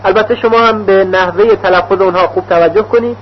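Measured male tajwid teacher, high voice. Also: steady tone. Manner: measured, deliberate, drawn-out demonstration of syllables. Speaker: Quran recitation teacher. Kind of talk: slow instructional explanation with recited examples. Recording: dull lo-fi recording with faint hum.

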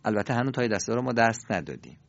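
A man teaching Quran recitation in a recorded lesson, demonstrating sounds slowly and asking learners to repeat after him. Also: mid-range voice, lively intonation. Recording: dull lo-fi recording.

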